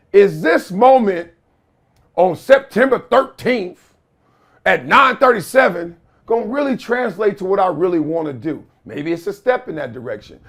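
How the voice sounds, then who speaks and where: A man hosting a podcast, giving a casual opinion monologue in a conversational, slangy way with emphatic storytelling. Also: high voice. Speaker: podcast host.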